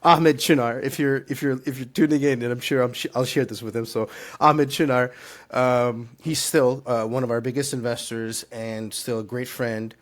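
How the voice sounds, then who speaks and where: A middle-aged man from Turkey tells his story in a relaxed interview. He talks earnestly, in long rambling stretches full of fillers and restarts. His voice sits at an ordinary middle pitch. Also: normal speed. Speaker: startup founder and CEO.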